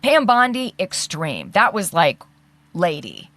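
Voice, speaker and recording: A woman in casual conversation, an animated storyteller who acts out the people she quotes. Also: fairly low pitch, moderate pace, no echo. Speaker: podcast co-host.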